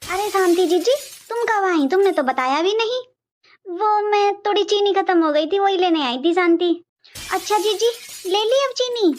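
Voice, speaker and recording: A woman voicing gossipy relatives in a cartoon skit in a very high, animated voice. Faint noise sits behind her. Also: normal speed. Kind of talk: comic cartoon voice acting.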